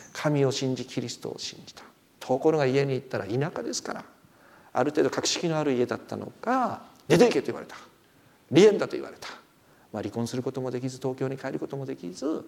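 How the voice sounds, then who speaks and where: A middle-aged man preaches as a pastor, weaving stories into his sermon. His voice is gravelly with a bit of fry. His pitch rises and falls a great deal as he acts out what the people in his stories said. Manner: animated storyteller, acts out quoted speech. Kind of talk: sermon with storytelling.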